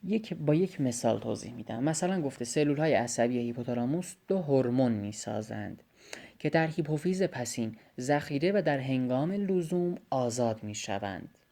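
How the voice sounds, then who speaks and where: A man's voice: mid-range voice, animated, creaky, mellow. A young man recording a voice-message biology lesson, explaining step by step, repeating key phrases and talking straight to his students. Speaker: biology study tutor.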